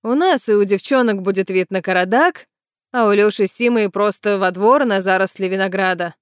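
A man's voice: high-pitched, a little fast, clean tone, dry recording, natural voice. Grumbling dismissive man, read by a woman, storybook, dry recording. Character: gruff practical older brother, grumbling.

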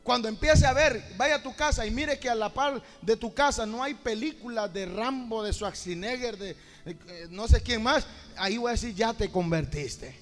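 A middle-aged man preaching a fervent sermon as pastor, his voice swelling and rising to shouts. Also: very high-pitched, normal speed, long reverb tail, soft background music.

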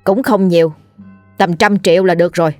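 A woman plays a spiteful middle-aged village wife, sneering and scolding as she makes her demands. She speaks in a lowish voice, in a dry, close recording. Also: fairly even intonation, fairly quick, no room sound, faint music behind, close to an everyday voice.

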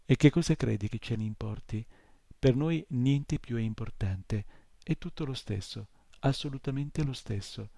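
A man voicing an ancient, weary female giant turtle in a read-aloud story, speaking slowly and gurgling as she talks to herself. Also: medium pitch, gravelly, warm tone, no room sound. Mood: indifferent. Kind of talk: audiobook reading.

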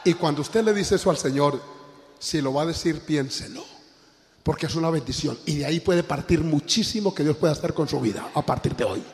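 Impassioned older preacher, echoing hall. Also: male voice, brisk. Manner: impassioned preaching, swings from loud exclamations to low emphatic tones. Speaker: pastor. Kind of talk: sermon. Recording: long reverb in a large hall.

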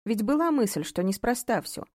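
A woman's voice: on the high side, sing-song, moderate pace, dry recording, studio quality, pitched above the performer's own voice. Woman reading as a stern imperious mother. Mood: cold stern. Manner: sharp, commanding, sarcastic. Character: stern middle-aged mother, an imperious judge.

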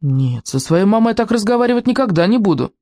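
A man's voice: fairly high pitch, fairly quick, darkish tone, breathy edge, dry recording, studio quality. A man reading as a timid young schoolboy. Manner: timid, hesitant.

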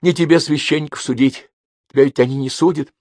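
A man's voice: fairly high pitch, steady tone, a little fast, darkish tone, no room sound, clean studio sound, voice pushed up. A man voicing a serious, stern middle-aged daughter who scolds her brother.

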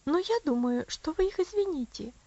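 Kind young woman, soft and soothing, a little raised in pitch, read by a woman, dull lo-fi sound. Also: animated, normal speed. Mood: tender. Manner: tender, soothing. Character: gentle affectionate young woman. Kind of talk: audiobook character voice.

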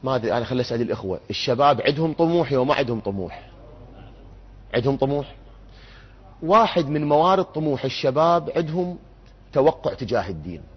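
A man's voice: medium pitch, expressive, quick pace, pauses often, slightly rough. A man giving an interactive religious lecture, putting questions to his audience and answering them himself. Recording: muffled lo-fi recording.

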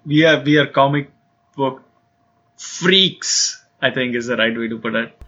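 Husky guy cohosting a podcast, hesitant and teasing, kinda dull muffled audio. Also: medium pitch, unhurried, bright, forceful tone. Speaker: podcast co-host. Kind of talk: casual chat.

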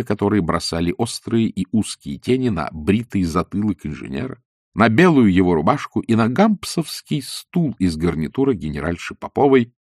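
Give me a man reading an audiobook in a low, animated voice, dry and close to the mic. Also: dry recording. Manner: expressive, lively storytelling. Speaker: narrator.

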